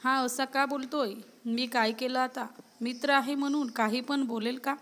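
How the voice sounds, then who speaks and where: A woman voicing a lively young college girl who talks back playfully and gets indignant. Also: high-pitched, moderate pace.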